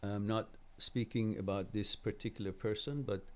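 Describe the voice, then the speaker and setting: Speaking haltingly and pausing often, a middle-aged man whose first language is Farsi hosts an informal live question-and-answer talk on mental health. His pitch is somewhat low and his tone stays steady.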